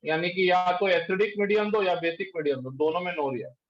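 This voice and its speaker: Male teacher, classroom lecture, high voice, dull lo-fi echoey recording. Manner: quizzes students, urges quick answers. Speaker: chemistry teacher. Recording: echoey room, dull lo-fi sound.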